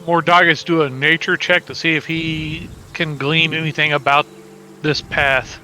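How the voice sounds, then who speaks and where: A man playing a tabletop game, chatting in a relaxed, hesitant way. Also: on the high side, a little slow, faint music behind. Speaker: player. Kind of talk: casual tabletop game chat.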